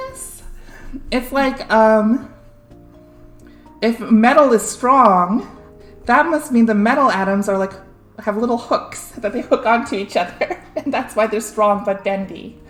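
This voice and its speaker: Her voice fairly high and animated, this young streamer talks through science at a measured pace, laughing a lot and leaning on "like" and "um." Faint music plays behind her in an echoey room.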